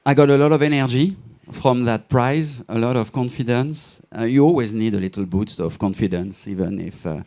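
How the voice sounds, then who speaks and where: A man giving a hesitant award ceremony speech, pausing often with fillers before announcing a winner. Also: mid-range voice, darkish tone. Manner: hesitant, halting with many fillers. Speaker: award presenter.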